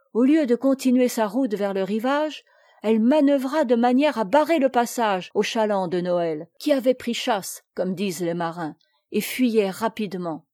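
A woman reads a classic story aloud, unhurried and measured. Her tone is mellow and soft-edged, and she voices the characters' dialogue. The recording is dry and close, with no room sound. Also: mid-range voice, no echo. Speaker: audiobook reader. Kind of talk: scripted narration of a classic tale.

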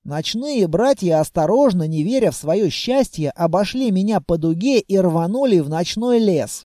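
A reader giving expressive first-person audiobook narration. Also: mid-range voice, moderate pace, no room sound, clean studio sound.

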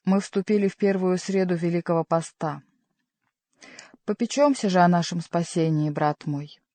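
A woman doing a nasal booming fat monk. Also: moderate pace, dark tone, no echo, lightly acted. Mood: pious, sulky. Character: fat pious male monk, sulky and nasal.

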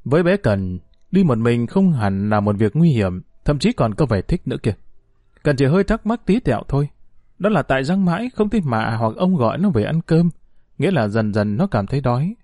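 A man reading a story aloud as narrator, in an expressive storytelling manner. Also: medium pitch, fairly quick, no echo, clean studio sound.

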